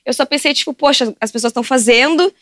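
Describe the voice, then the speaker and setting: Fast-talking southern Brazilian woman. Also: high voice, no room sound, clean studio sound. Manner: animated storyteller, laughs often. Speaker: podcast guest. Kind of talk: casual podcast chat.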